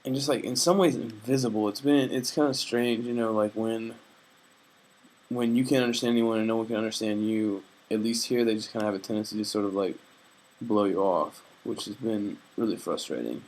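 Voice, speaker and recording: On a rough recording, this young vlogger talks a little fast in a lowish, darkish voice with fairly flat intonation. His casual diary entry is homesick, earnest and faith-minded, hesitant and reflective, packed with fillers and false starts.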